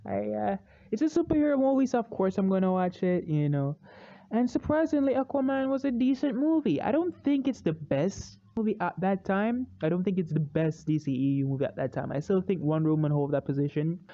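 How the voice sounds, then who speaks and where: A movie review vlogger ranting casually and opinionated, animated, swinging into loud excited outbursts and repeating words when worked up. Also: mid-range voice, fairly quick, dull audio.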